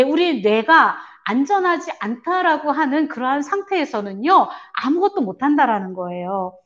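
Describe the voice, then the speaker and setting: A woman teaches a parenting seminar in an earnest, explaining way, filling her pauses with little sounds. Her voice sits a little high and swings widely in pitch. The recording is dull and lo-fi. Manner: earnest, explaining, many fillers; acts out parents' lines in a raised voice. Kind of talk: church parent seminar lecture.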